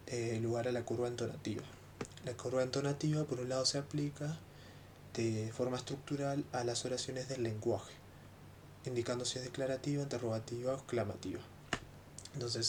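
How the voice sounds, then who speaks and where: A young man talks through a book chapter in an easygoing, explanatory way. His voice sits at an ordinary middle pitch, and he pauses often to gather his thoughts with small fillers. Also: slight background noise. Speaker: teacher-training student and YouTuber.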